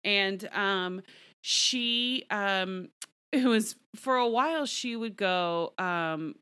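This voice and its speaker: A woman's voice: medium pitch, extremely slow, pushed and bright, clean tone, dry recording, clean studio sound. A middle-aged woman, a guest being interviewed, chatting candidly and often laughing. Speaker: guest, entertainment reporter. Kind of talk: casual interview chat.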